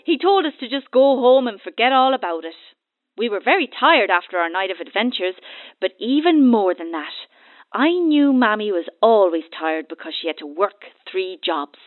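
A woman's voice: mid-range voice, sing-song, moderate pace, no room sound, narrow, tinny audio, lightly acted. A woman playing a cheeky, loving young boy with an Irish accent, telling his story earnestly and playfully in a children's radio drama. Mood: earnest storytelling.

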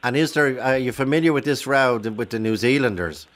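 Male phone-in host, Irish accent, mid-pitched, conversational, keeps probing with short questions. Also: brisk, a bit bright. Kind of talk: casual interview chat.

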